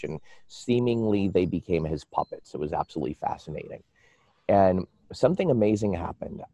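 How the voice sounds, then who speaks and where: An American man telling personal stories casually as an interview guest, in a halting, rambling way that often repeats words. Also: sits low, dark tone, dry recording. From United States.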